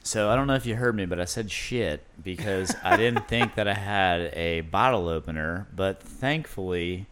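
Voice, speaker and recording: A man's voice: low voice, moderate pace, hardly any pauses, slight background noise. A man hosting a casual podcast, chatting loosely while tasting beers, with lots of "you know" and "like". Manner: relaxed, rambling, with many fillers like "you know". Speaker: podcast host.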